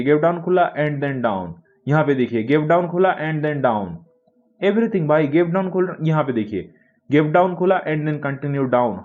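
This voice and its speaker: A man's voice: fairly high pitch, darkish tone, dull audio. A man giving a casual talk that analyses the stock market, chatty and repeatedly addressing his viewers as friends.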